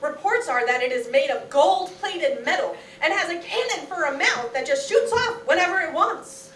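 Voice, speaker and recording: A woman playing a wry, brisk spy informant delivering reports in a comic radio play. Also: high-pitched, animated, a bit bright, far from the mic, slight background noise. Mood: urgent. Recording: echoey, off-mic stage sound.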